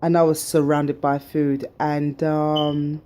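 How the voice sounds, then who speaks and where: Her voice is low and mellow, with little pitch movement and a slow pace. A middle-aged vlogger, she tells the story of her own surgery casually to the camera in an emphatic, filler-heavy way before encouraging her viewers.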